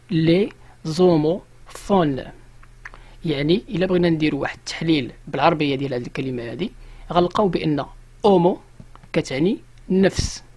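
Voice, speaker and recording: A man with a Moroccan accent giving an online French lesson. He speaks slowly and repeats each example word by word. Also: on the high side, darkish tone, husky. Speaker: French teacher.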